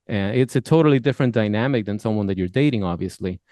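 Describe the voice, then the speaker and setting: Smooth-voiced male podcast host. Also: fairly low pitch, fast talker, dark tone, no room sound. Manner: rambling, restarting, friendly questions. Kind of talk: casual interview hosting.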